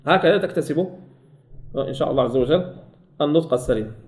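High-voiced Moroccan teacher, echoey room. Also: male voice, a little mellow. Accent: Moroccan Arabic. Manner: slowly drawn-out demonstrations, repeating words. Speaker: Quran recitation teacher. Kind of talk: teaching lesson.

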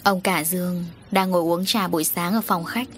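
A woman narrating an audiobook in a brisk, plain way. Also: lowish voice, steady tone, a bit bright, a little hiss or hum.

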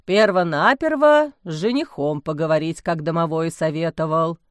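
A woman voicing a stern bearded village priest, a weary middle-aged man who grumbles slowly and gravely. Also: low voice, no echo, studio quality, voice pushed down, lightly acted. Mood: resigned. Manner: gruff grumbling, slow and grave.

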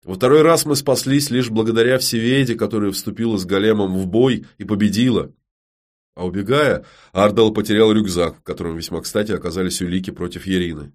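A man reading a fantasy audiobook as narrator, in a steady, expressive manner. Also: fairly low pitch, brisk. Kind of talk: scripted narration.

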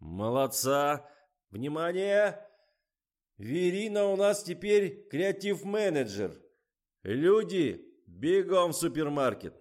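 A man voicing a loud, excitable male film director in an audiobook, shouting orders and stretching out his exclamations. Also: mid-range voice, unhurried, voice pushed up, lightly acted. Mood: bossy. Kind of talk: audiobook character voice.

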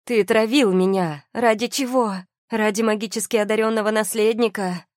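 A woman reading an audiobook voices a betrayed young wife, shouting and trembling with rage. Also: medium pitch, steady tone, moderate pace, no room sound, clean studio sound, pitched above the performer's own voice, close to an everyday voice. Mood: furious.

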